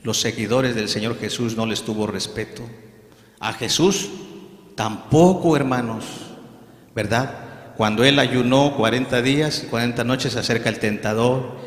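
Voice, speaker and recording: A man's voice: mid-range voice, a little slow. A male minister preaching a sermon and acting out the voices in the scripture stories. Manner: preaching, acts out quoted voices of Satan and Jesus. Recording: echoey hall, long reverb.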